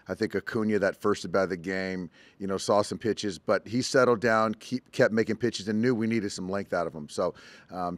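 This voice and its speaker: A middle-aged man, a baseball manager, answering postgame press conference questions in a measured, halting way with many ums, at a table mic. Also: on the low side, no echo. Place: press conference room, indoors. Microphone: table mic in front.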